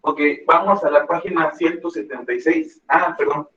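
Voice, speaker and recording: A man teaches a math lesson, patient and guiding, his voice a bit higher than most. The classroom rings with echo, and the recording sounds dull and lo-fi. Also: moderate pace, a bit bright. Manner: patient, guiding students step by step.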